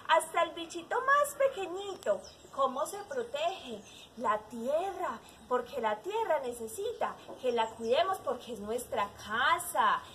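A woman teacher in character as Mother Nature, telling a story to young children in an outdoor garden with lively exclamations. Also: high-pitched, slight background noise. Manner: animated, exclamatory, sing-song.

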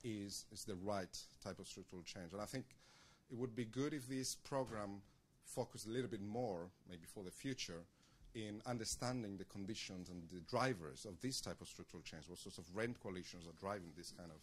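Deep-voiced man posing academic questions. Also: husky. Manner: measured, academic, hesitant restarts. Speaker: audience member asking questions. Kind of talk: question at a panel discussion.

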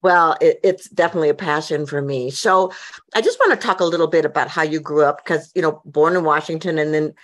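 A woman's voice: low-pitched, brisk. A woman hosting a podcast interview, introducing her guest with upbeat enthusiasm. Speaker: host.

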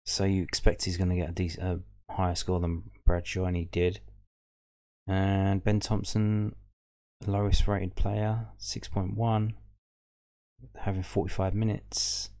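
In a warm, low, level voice, a fan podcast host speaks unhurriedly. He casually goes over football match statistics displayed on screen, thinking aloud as he reads the stats table.

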